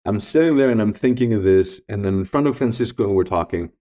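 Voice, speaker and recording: Fast and mellow, with a voice on the low side, this middle-aged Greek-native podcast guest tells stories and reflects conversationally. He is earnest and emphatic and tends to repeat key points.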